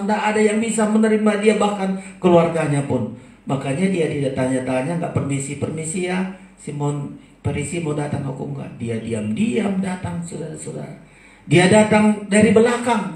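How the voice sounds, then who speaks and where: High-voiced pastor preaching in an echoey hall. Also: male voice, dark tone, recorded from a distance. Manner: preaching with emphatic swings of pitch and volume. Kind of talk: sermon. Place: church hall.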